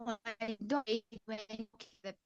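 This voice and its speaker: A woman teacher speaking over a bad connection on a video call, her audio cutting out as she tells a halting classroom story full of pauses and restarts. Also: on the high side, dry recording. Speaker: teacher attending a webinar. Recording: muffled, dull audio over a choppy call line.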